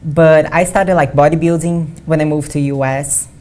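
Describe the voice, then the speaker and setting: Low-voiced young woman. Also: steady tone, moderate pace, a little mellow. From Brazil. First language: Portuguese. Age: 20s. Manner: earnest, often says "like". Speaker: guest athlete. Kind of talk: conversational interview. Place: studio.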